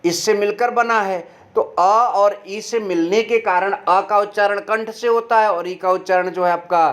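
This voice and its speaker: A man teaching an online grammar lesson. He explains step by step, asks his own questions and answers them, and sounds out letters slowly and clearly. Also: sits high, steady tone, fairly bright tone.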